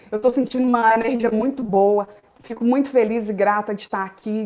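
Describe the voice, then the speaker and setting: A woman, a reverend and theologian speaking assertively and conversationally as a guest on a live-streamed panel. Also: on the high side. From Belo Horizonte, Brazil.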